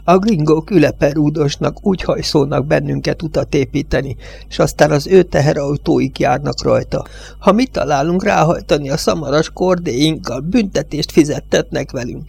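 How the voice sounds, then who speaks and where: A man reading an audiobook voices an angry, fearful old village judge who complains in a high, bleating voice. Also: gravelly, darkish tone. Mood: grumbling.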